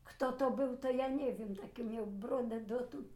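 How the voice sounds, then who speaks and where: An older woman telling a folk tale aloud in a halting, repetitive, plain village storytelling manner. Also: a little high, mellow.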